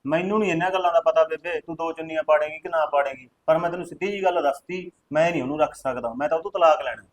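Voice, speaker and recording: Guy playing a cold stubborn husband, blunt and fast, kinda echoey room. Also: a little high, natural voice. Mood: defiant. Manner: blunt, insistent. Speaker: son. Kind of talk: rural family drama acting.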